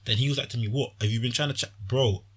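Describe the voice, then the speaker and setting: A man's voice: medium pitch, fast, husky. A young man with a London roadman accent, chatting casually and telling stories in heavy street slang. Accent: London roadman (Multicultural London English). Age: young adult. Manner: animated retelling, heavy street slang, repeated "like". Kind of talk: casual chat, slangy storytelling.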